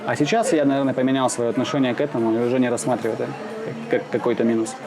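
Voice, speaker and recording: A man from Siberia being interviewed outdoors in the shade, answering slowly with many pauses, fillers and restarts. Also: mid-range voice, fairly even intonation. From Russia (Siberia). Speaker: interviewee, expat businessman. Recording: outdoor crowd noise behind.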